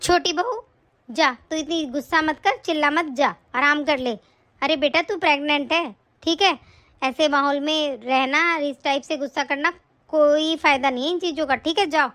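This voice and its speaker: A woman's voice: high voice, normal speed, a bit bright. A woman voicing a nagging middle-aged mother-in-law in a cartoon story, scolding and then soothing her daughters-in-law. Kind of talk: cartoon voice acting.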